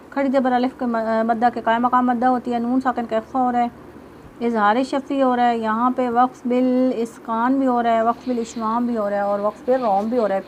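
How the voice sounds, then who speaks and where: High-voiced woman teaching Quran recitation. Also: slight background noise. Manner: explains rules line by line, then recites verses slowly and melodiously. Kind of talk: tajweed lesson with recitation.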